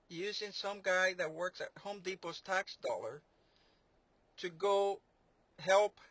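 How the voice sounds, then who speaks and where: Male commentator, sarcastic and rambling, with a bright, tense tone that sits high. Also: no room sound. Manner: rambling, mocking, many fillers and restarts. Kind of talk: sarcastic political monologue.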